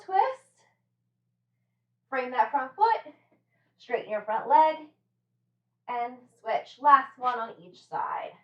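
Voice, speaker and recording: A high-pitched woman coaches a home workout with brisk, encouraging cues. She sounds energetic as she instructs and demonstrates. The recording is echoey, picked up at some distance from the microphone. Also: highs cut off.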